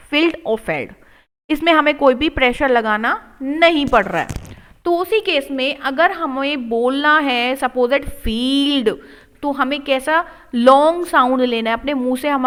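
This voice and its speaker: An Indian woman teaching English spelling, slowly repeating each word twice and encouraging her students. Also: high-pitched, fairly bright tone. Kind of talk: spelling and reading lesson.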